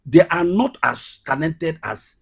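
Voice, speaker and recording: A man's voice: on the high side, animated, takes it slowly, creaky, husky. A man with a Nigerian Igbo accent, telling his story as an interview guest and repeating phrases emphatically. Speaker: guest, comedian and skit maker.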